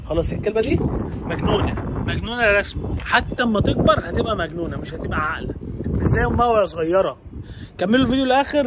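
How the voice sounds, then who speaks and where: A man's voice: high-pitched, noisy background. A young man with an Egyptian Arabic accent, vlogging on a rooftop while chasing his dog, exasperated as he pleads with it and scolds it.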